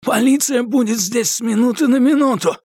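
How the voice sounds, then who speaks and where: A man doing a shrill, breathless cornered thug. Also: lively intonation, slow pace, husky, dry recording, clean studio sound, heavily acted. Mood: screaming. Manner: shrill, pleading and screaming. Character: panicked bleeding male thug, cornered and whining. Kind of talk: audiobook character voice.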